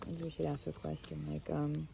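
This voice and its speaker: Low gravelly woman doing a casual card reading. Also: big pitch swings, brisk, noisy background. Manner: emotional, rambling, heartfelt. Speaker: tarot reader.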